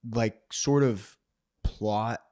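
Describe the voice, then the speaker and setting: A man's voice: on the low side, extremely slow, a little mellow. Laughing young man hosting a casual chat. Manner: laughs often, loose slangy talk with "bro" and "dude". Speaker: podcast host.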